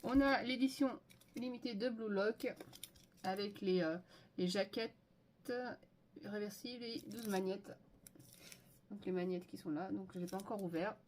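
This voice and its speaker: An excited woman talks through a haul video, filling pauses with little hesitations as she goes item by item. Her voice sits in an ordinary middle range. A light background hiss runs under the recording. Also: mid-range voice. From France. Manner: enthusiastic, listing items with many fillers. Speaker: manga haul vlogger. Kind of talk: casual haul video chat.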